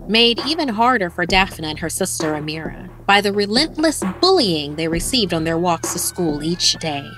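A woman narrator reading a horror story in a scripted style with expressive delivery. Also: medium pitch. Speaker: podcast narrator. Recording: faint music bed.

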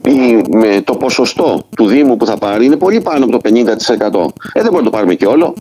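A man's voice: fairly low pitch, animated, mellow, husky, low-quality recording. A man in his sixties, a mayor in a radio interview, answering insistently and defensively with many restarts, speaking into desk microphones in a wood-panelled office.

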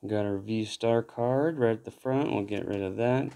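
Slow, relaxed man opening card packs. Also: on the low side, creaky, smooth. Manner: relaxed, bursts into excited exclamations at good pulls. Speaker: card pack opener.

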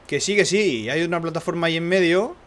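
A young man, streaming a game in casual banter, loud and excitable, yelling and laughing at the action. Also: a little high, fairly quick. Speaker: gaming streamer.

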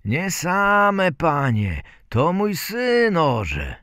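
A man voicing a humble, loving old peasant father in a folk tale, speaking in a gentle, pleading way. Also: fairly high pitch, huge pitch swings, very slow, no echo, studio quality, pitched above the performer's own voice, exaggerated voice.

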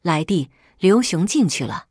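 A woman voicing a worried young classmate speaking gently and hesitantly on the phone. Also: on the low side, very animated, unhurried, husky, no room sound, studio quality, heavily acted.

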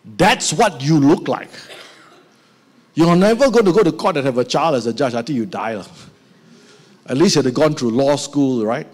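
Pausing often at a moderate pace, an older preacher with a Malaysian English accent and a slightly high voice gives a sermon into a handheld mic. He stands on a church stage among band instruments and animatedly plays out small scenes in put-on voices.

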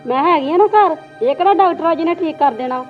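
Domineering mother-in-law, played by a woman, scolding, rapid and high-pitched. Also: narrow, tinny audio, soft background music. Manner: scolding, dismissive. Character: domineering mother-in-law who spoils her son. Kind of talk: amateur family drama.

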